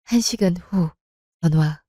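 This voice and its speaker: A woman reading scripted narration, calmly announcing scene changes. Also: on the low side, slow, dry recording, studio quality. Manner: brief scene announcements, calm.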